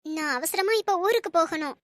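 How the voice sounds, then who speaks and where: A woman voicing an anxious young married daughter who answers in short, hurried lines in a cartoon story. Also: very high voice, lively intonation, a bit bright.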